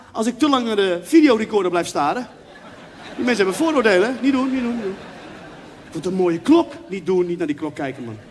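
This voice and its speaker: A young man doing stand-up on stage, with a high voice and lively storytelling. He acts out dialogue and sound effects as he goes. The hall gives a long echo, with faint noise underneath. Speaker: comedian. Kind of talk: stand-up comedy. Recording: reverberant venue with faint background noise.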